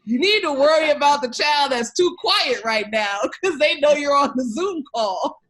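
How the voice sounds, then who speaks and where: An education researcher, interviewed on a podcast, talks at normal speed in a high, slightly bright and animated voice. Her delivery is conversational, addressing the listener directly with emphasis and encouragement.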